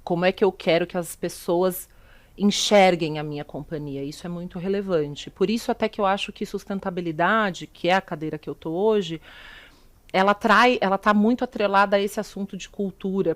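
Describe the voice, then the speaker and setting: Speaking at an ordinary pace with a mid-range voice, a middle-aged Brazilian Portuguese-accented woman explains her views. She's a sustainability executive guesting on a videocast interview, and she poses rhetorical questions as she talks.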